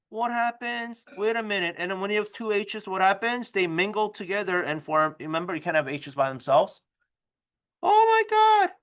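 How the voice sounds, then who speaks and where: A man teaching a high school chemistry class, animated and exclamatory, checking in with "right?" after almost every point. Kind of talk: lively classroom lecture.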